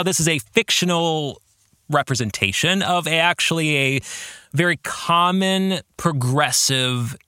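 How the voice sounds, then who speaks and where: This theology teacher runs a book discussion podcast, teaching and reading quotations in an emphatic, academic style while posing reflective questions to the listener. His voice sits a little high and sounds pushed and bright. The sound is clean studio audio with no room sound.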